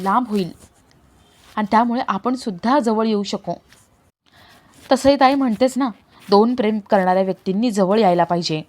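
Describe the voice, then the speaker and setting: A woman's voice: a little high, a little mellow, natural voice. A woman reading defiant heartbroken young woman, Kavya. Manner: emotional, insistent. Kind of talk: dramatic read-aloud of serial dialogue.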